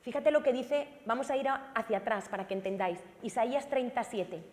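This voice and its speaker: A woman pastor with a Peninsular Spanish accent preaching a sermon dramatically and emphatically, sometimes rising to shouts. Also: on the high side, brisk, big-room sound. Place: church sanctuary.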